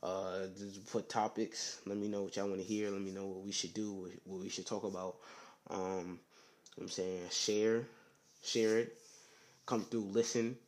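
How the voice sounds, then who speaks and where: Young man rambling low on a podcast. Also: little pitch movement, moderate pace, darkish tone. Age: young adult. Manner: rambling, slangy, often says "you know what I'm saying"; talking low and subdued. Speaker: podcast host. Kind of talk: casual solo podcast chat.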